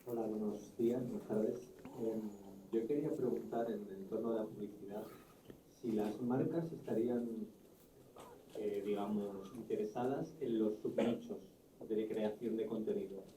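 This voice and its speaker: A man's voice: fairly low pitch, fairly even intonation, moderate pace, warm tone. A man in the audience asking the panel a tentative question with fillers. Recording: roomy hall sound, distant mic, faint noise.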